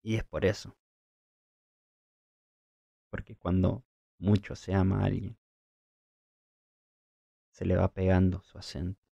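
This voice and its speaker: A man's voice: low-pitched, flat delivery, takes it slowly, creaky, long pauses, dark tone, no room sound, muffled recording. A man co-hosting a podcast, telling Bible stories in reflective religious talk with a thoughtful storytelling manner. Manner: thoughtful storytelling with occasional chuckles. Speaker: podcast co-host.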